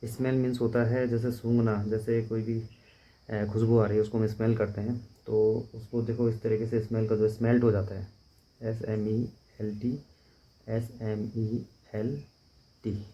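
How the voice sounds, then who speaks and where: A man teaching English vocabulary in a steady, repetitive drill, spelling words out letter by letter. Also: fairly low pitch, measured pace. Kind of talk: vocabulary lesson. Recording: dull lo-fi recording.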